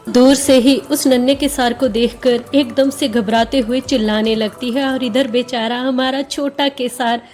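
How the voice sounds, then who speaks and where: A woman narrating a manhwa recap in an expressive, dramatic storytelling manner. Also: high voice.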